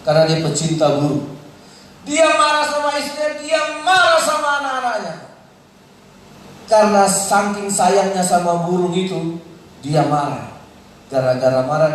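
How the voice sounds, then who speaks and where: A male pastor preaching a sermon to a congregation, calling out questions and swinging between loud high passages and quiet low asides. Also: a little hiss or hum. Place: church hall. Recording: echoey hall, mic at a distance.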